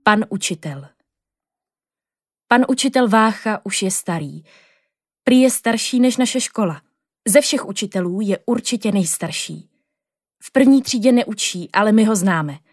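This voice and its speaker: Woman, children's audiobook narrator, lively storytelling, mid pitch, dry studio sound. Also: pauses often, dry recording. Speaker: audiobook reader. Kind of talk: children's storybook narration in a little girl's first person.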